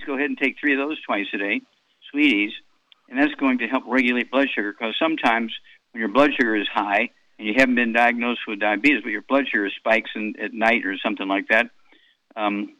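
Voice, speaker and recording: An elderly man hosts a radio advice show, listing supplements and doses with frequent fillers. His voice is bright and forceful, recorded dry. The audio sounds dull and lo-fi. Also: medium pitch, no room sound. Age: 80s. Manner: rambling, repeats product doses, many fillers. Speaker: radio health show host.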